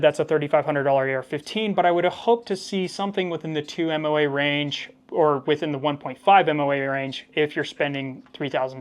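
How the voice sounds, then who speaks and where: A man reviewing a product casually for viewers, explaining its drawbacks in a critical but measured, conversational way. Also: fairly high pitch, smooth. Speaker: firearm reviewer, host.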